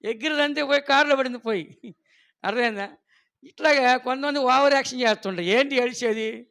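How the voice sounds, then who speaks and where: A man preaching a sermon as pastor, often asking the congregation questions and prompting them to answer, with lively storytelling. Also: very high-pitched, a little fast, vocal fry. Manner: animated storytelling with quoted voices.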